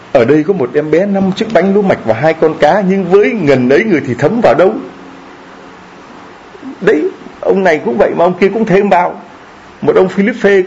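A man preaching a sermon in a lively, joking way, often asking the congregation questions. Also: a little high, muffled recording, a little hiss or hum. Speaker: priest.

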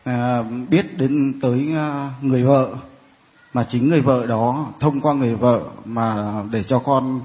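A soft-spoken man in his forties gives a halting testimony before a congregation, pausing often as he talks. His voice carries a long reverb from a large hall, and the sound is slightly dull. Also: mid-range voice, steady tone. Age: 40s. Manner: soft-spoken and hesitant, many pauses.

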